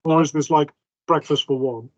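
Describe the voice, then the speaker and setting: Guy gm-ing a tabletop game, bit high voice, dull dry mic. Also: steady tone, moderate pace, dry recording. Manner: chatty, hesitant with ums, plays the vicar in quotes. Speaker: game master.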